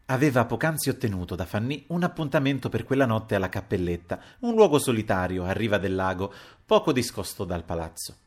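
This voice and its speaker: A man narrating a classic novel as an audiobook, measured and expressive. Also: on the low side.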